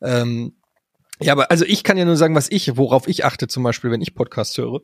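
A podcast co-host chats casually in a brisk, mid-range male voice, rambling with lots of fillers and restarts. The studio-quality sound has no echo.

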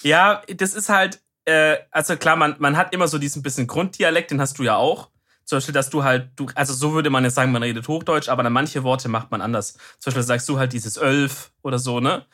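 A man's voice: mid-range voice, steady tone, brisk, sharp tone. A young man from Baden-Württemberg with a light Swabian accent, co-hosting a podcast in easygoing casual chat. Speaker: podcast co-host.

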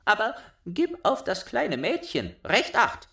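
A man voicing a bold, bossy little robber girl in a storybook reading, speaking high, loud and commanding. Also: huge pitch swings, slow pace, gravelly, exaggerated voice.

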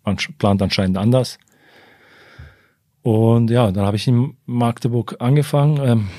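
A retired goalkeeper, guesting on a casual interview in a podcast studio, rambles through stories from his career with many fillers and restarts, quoting old conversations word for word. His voice is fairly low, creaky and dark-toned. The recording is dry.

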